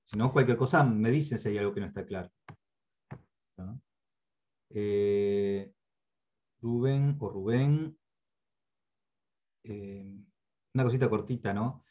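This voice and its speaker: A man with a Uruguayan accent gives a patient online training lecture, repeating key points and often checking in with a quick "¿sí?". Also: on the low side, darkish tone. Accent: Uruguayan Spanish. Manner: checks in with frequent "¿sí?"; hesitant fillers and restarts. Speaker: instructor. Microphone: computer mic on a video call.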